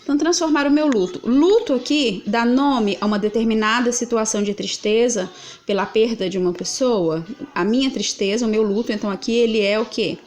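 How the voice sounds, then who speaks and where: A Portuguese teacher works through grammar exercises patiently and methodically, posing questions and answering them herself. Her voice is a little high for a woman, brisk and darkish in tone.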